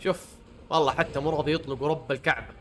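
A young man giving let's play commentary, pleading, cursing and reacting loudly to the game. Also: a little high, fairly even intonation, rapid-fire, slight background noise. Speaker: gamer.

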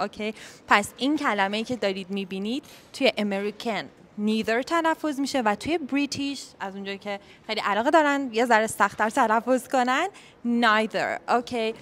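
A woman's voice: medium pitch, a bit bright. A young woman from Iran, an English teacher giving a casual video lesson, chatty and often checking in with "okay?". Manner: chatty, repeats "okay?" often, switches between Persian and English. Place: office with colleagues leaving.

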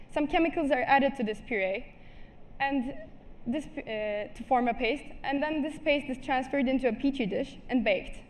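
A high-pitched, earnest teenage girl from Turkey gives a prepared conference talk as a student speaker, with small restarts and apologies. She speaks into a headset mic on a large stage before a seated audience.

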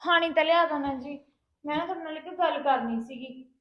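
Brief: a woman as a very high, bright younger sister, defensive and chatty, roomy echo. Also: brisk, muffled recording, close to an everyday voice.

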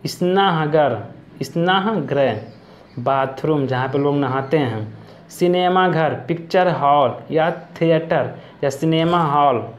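A man teaching English vocabulary, slowly reading each word and then its English equivalent, often repeating it. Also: a little high, highs cut off.

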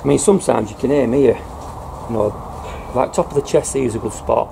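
Speaking at normal speed in a creaky voice, a middle-aged man chats to the camera from an indoor farm building loft about controlling pests with an airgun. The recording carries noisy outdoor-farm ambience, and he keeps things low-key with fillers such as "you know."

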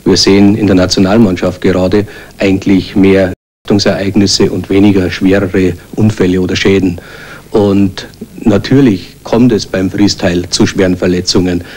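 Male team doctor, very deep and monotone, calm matter-of-fact interview answer indoors. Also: moderate pace. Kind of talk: interview statement.

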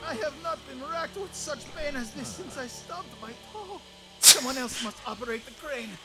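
A high, wildly swooping crane worker. He is theatrical and overwrought, a video game workman in grand suffering, under loud music. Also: expressive, moderate pace. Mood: agonized, melodramatic. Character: melodramatic injured male crane worker.

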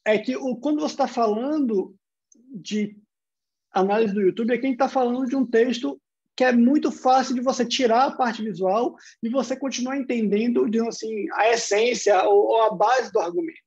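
A man's voice: very high voice, normal speed, a little mellow, dull audio. A man with a Brazilian Portuguese accent giving an online university lecture, explaining step by step and posing rhetorical questions.

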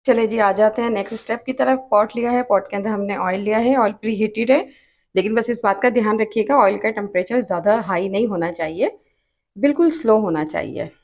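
A woman with a Pakistani Urdu accent talks viewers through a recipe at an easy, steady pace. She explains each step patiently and repeats her cautions so nobody misses them. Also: mid-range voice, fairly quick. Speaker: cooking channel host. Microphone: off-camera voice over hands-only cooking shots.

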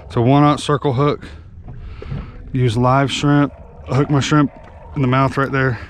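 Here a fishing guide who runs his own channel talks a little slowly in a medium pitch, excitedly calling the play-by-play as fish bite and he reels them in. It's a casual vlog shot on an action camera aboard an open boat at sea, with engine and water noise underneath.

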